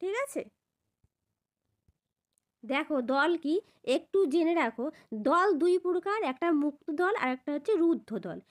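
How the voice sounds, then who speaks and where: A woman teaches with a high, bright voice that rises and falls a great deal. She breaks words into syllables slowly and patiently. She keeps checking that her students follow. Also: lively intonation. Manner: repeats a checking question at the end of each point. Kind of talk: classroom grammar lesson.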